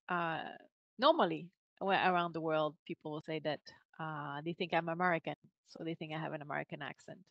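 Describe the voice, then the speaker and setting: Laughing often between filler words, a middle-aged woman with a French Canadian accent chats as a guest in a casual video-call interview. Her voice is fairly low. The recording, made on a podcast mic in her bookshelf-lined home office, has no echo and cut-off highs.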